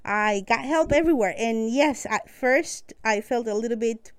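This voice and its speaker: A woman's voice: fairly high pitch, normal speed, clean tone, no echo, clean studio sound. A woman from Costa Rica, a native Spanish speaker with a Costa Rican accent, chatting as a podcast guest and laughing often. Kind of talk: casual conversation.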